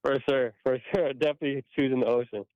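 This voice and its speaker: A man from Hawaii, a football player calling in to a radio show, talking in a relaxed, easygoing way with some hesitation. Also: medium pitch, fast, dry recording, muffled recording. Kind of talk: phone interview. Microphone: phone line.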